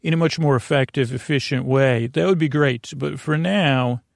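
This creaky-voiced man, medium in pitch, hosts a sleep podcast recorded cleanly in a studio without echo. He drifts through a halting bedtime talk, wandering into calming tangents touched with mild whimsy.

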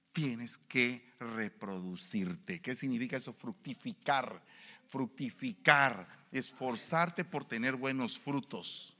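With a long reverb from the hall around him, a man delivers a sermon as a pastor, leaning on rhetorical questions and speaking in an emphatic, everyday manner. His voice falls in the middle range and has a slightly bright quality.

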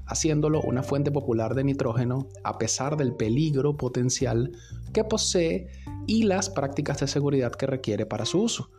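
A podcast host tells a story informally and conversationally, dropping sardonic asides along the way. His voice is medium-pitched with a darkish tone, and music plays in the background.

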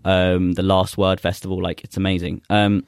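Speaking as a poet guest, this young man, whose first language is Urdu, has a deep, flat, smooth voice. He chats casually and recites spoken-word poetry in an earnest, halting manner full of fillers, with no room sound in the recording.

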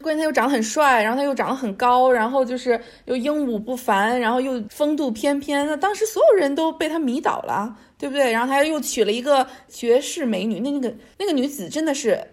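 Chatty, higher-pitched woman author. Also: fairly quick, hardly any pauses. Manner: chatty, colloquial, often seeking agreement with tag questions. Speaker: author guest discussing their history book. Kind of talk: casual conversational storytelling.

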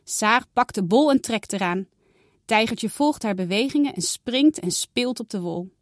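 A woman reads a children's story aloud with expressive, lively storytelling. Her voice sits fairly high and swings widely in pitch. The recording is close and dry, with no room sound. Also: measured pace, no echo.

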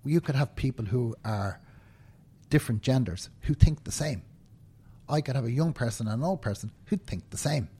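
With lively intonation at a moderate pace, this mid-range voice sounds warm and a touch breathy. It's a fifty-something Irishman from Dublin, a banking professional being interviewed in a seated indoor conversation, earnest and emphatic and regularly adding "right?".

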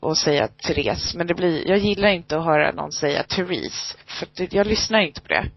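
A woman's voice: fairly low pitch, sing-song, dry recording. A woman telling stories in a casual chat, acting out other people's lines as she goes. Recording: dry, slightly dull lo-fi sound.

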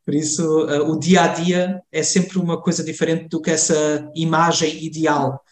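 A man from Germany with Portuguese family, answering as an interview guest in a halting way, often restarting and correcting himself. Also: on the high side, little pitch movement. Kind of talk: conversational interview. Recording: roomy, echoing sound.

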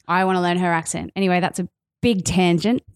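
Chatty woman, lowish voice. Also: steady tone, dry recording, studio quality. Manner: chatty, laughing, quick to joke. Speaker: podcast co-host; actor. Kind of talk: casual chat.

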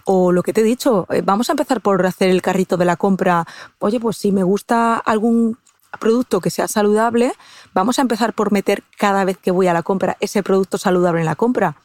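Guest expert, Spanish woman from La Mancha, mid-pitched, hesitant explainer, dry close mic. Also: brisk, darkish tone, no room sound. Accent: Spanish from Castilla-La Mancha. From Castilla-La Mancha, Spain. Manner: explanatory, frequent "eh" fillers and restarts, addresses host directly. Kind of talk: conversational interview.

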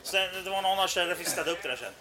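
Man in his thirties, casual storyteller, profane and rambling, high-pitched, piercingly bright. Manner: profane, rambling, self-mocking. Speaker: podcast storyteller.

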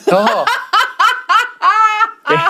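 A man, a comedian, telling an anecdote in casual chat and acting out quotes with sudden high-pitched outbursts. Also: background noise. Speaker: comedian guest.

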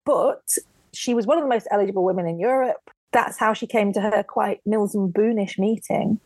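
A woman's voice: medium pitch, normal speed, dry recording. A woman, a guest author, telling history in a casual podcast interview and acting out quotes as she goes. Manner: lively storyteller who acts out quotes.

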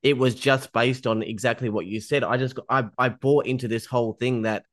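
A man interviewing a guest on a podcast, reflective and measured, with small restarts. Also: mid-range voice, fairly even intonation, no echo, studio quality.

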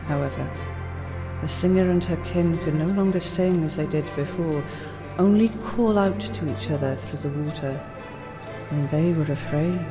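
A woman voicing a calm female principal teacher who tells an old legend in a measured, gentle cadence. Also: on the low side, lightly acted. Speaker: teacher figure in an audiobook. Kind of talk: audiobook character reading.

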